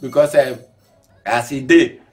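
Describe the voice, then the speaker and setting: Male news host, Nigerian Pidgin accent, playful and laughing, loud bursts then mutters; slightly distant mic over light music. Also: unhurried. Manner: joking and animated, laughs often, swings between loud bursts and low mutters. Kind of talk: comic Pidgin news commentary.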